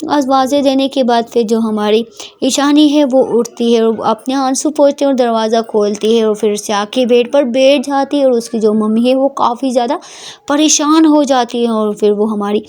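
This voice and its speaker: A woman casually narrating a romance story in a quick, conversational, repetitive way. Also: fairly high pitch, a little mellow.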